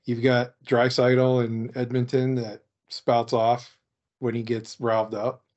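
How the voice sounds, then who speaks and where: A man's voice: medium pitch, flat delivery, takes it slowly, a little mellow. A man co-hosting a casual podcast chat who speaks bluntly and lists examples one after another. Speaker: podcast co-host. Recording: dull lo-fi audio.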